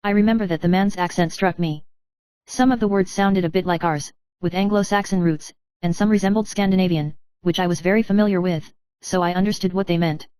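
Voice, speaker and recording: Smooth, clear woman reading a story. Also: fairly low pitch, steady tone, fairly quick, darkish tone, no room sound. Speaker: narrator. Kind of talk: scripted first-person story narration.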